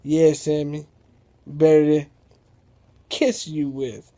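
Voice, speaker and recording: A man's voice: on the high side, level tone, takes it slowly, mellow. A man voicing a huge, hungry woman who menaces a shopkeeper and threatens to eat people. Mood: smug. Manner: greedy, threatening.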